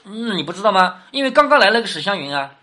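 A woman with a medium-pitched, sing-song voice, fast, pushed and bright, teaches a classic novel. She reads passages aloud, lifting her voice on the quoted lines, then explains them and often asks her listener questions.

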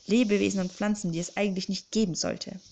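A woman's voice: medium pitch, fairly even intonation, fast talker, vocal fry, a little mellow, a little hiss or hum, natural voice. A woman reading an audiobook, voicing a jovial, secretive male bookling creature who speaks dramatically and conspiratorially. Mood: dramatic. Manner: dramatic, conspiratorial, grips and urges. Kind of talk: audiobook character voice.

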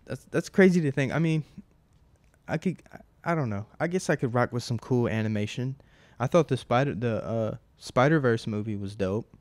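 A man in his twenties hosts a solo podcast, rambling loosely with plenty of "like" and casual swearing. His voice is medium-pitched and a bit mellow, at a moderate pace, with no room sound.

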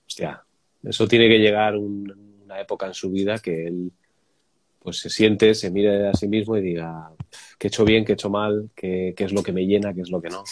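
A man with a Spanish accent hosting a casual interview, talking in a relaxed, conversational way with some mild swearing. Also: fairly low pitch, moderate pace. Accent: Spanish from Spain.

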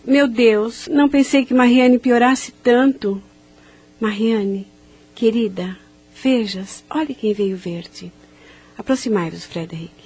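An anxious, determined woman in a radio melodrama. She speaks formally and earnestly, in a fairly high voice with a husky edge. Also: slow, darkish tone. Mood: distressed. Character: anxious, determined woman tending a dying loved one. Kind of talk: melodramatic radio drama acting.

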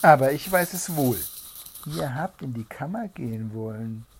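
A man reading a fairy tale aloud and voicing a cruel, menacing nobleman who speaks slowly and loudly in a commanding tone. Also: medium pitch, expressive, a little hiss or hum, lightly acted. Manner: slow, loud, commanding.

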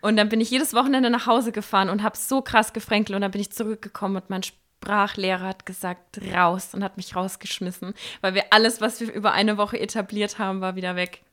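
A woman's voice: medium pitch, fairly even intonation, a little fast, hardly any pauses, fairly bright tone. A woman from Franconia, an author and trained actress, chatting casually as a podcast guest with a faint Franconian accent and frequent laughter. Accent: Franconian, trained toward standard German. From Franconia, Germany. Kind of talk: casual chat.

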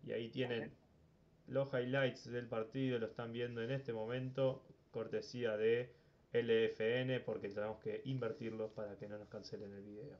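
On a lo-fi recording, a Uruguayan man talks sports in a casual podcast, using a mid-range voice with a level tone at normal speed. He rambles, often repeating himself while gathering his thoughts.

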